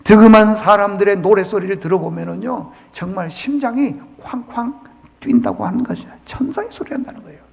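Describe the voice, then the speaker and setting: A male pastor preaches a sermon in a church sanctuary, telling a story with dramatic flair and acting out the characters' lines. His voice is high-pitched, gravelly, and a little fast, with church hall reverb on the recording.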